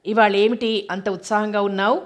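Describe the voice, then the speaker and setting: A woman narrator voicing a withdrawn, sharp-tongued young woman with curt, bitter retorts. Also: mid-range voice, fairly even intonation, a little fast, close to an everyday voice. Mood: cold.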